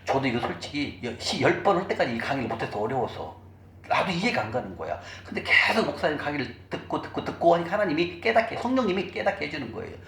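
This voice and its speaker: A man's voice: fairly high pitch, sing-song, fast, creaky, hardly any pauses, fairly bright tone. A middle-aged man giving a church finance lecture. He talks sermon-style and keeps asking the audience questions. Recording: echoey room recording with faint noise.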